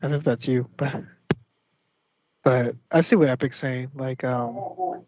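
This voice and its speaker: A man's voice: mid-range voice, takes it slowly, background noise. A man calling in from a train on a wireless headset, his voice muffled and dropping out, talking in a laid-back way that trails off. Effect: muffled, dropping wireless headset call audio. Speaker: remote co-host calling in. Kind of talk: casual chat. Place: on a moving train. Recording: muffled lo-fi call line.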